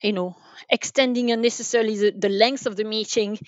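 Appearing as a podcast guest, an enterprise sales manager answers business questions conversationally, hesitating and repeating words while she works out her thoughts. She speaks at medium pitch in a steady tone. The recording is dry and a bit dull, resembling a band-limited online call.

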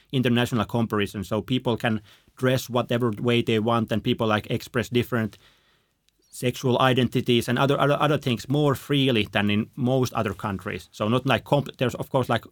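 A man's voice: mid-range voice, no room sound. Hesitant Finnish man in dry sound. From Finland. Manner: hesitant, many fillers and restarts. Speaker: guest, happiness researcher. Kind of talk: conversational interview.

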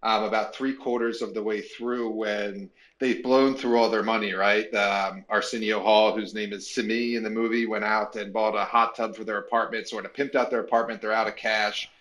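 A man's voice: on the low side, fairly even intonation, normal speed, hardly any pauses, fairly bright tone. A man co-hosting a finance podcast, talking casually and ranting with profanity and jokes. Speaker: podcast co-host.

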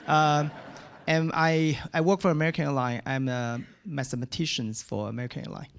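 A man's voice: a little high, steady tone, moderate pace, gravelly, slight background noise. A man who works as an airline mathematician introducing himself and his wife to a group, hesitant with many fillers.

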